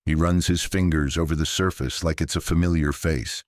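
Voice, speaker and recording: Soft-spoken and unhurried, a deep-voiced man reads a calm sleep story from a script, adding a gently wry touch. His very low voice is captured close and dry, and there's no room sound.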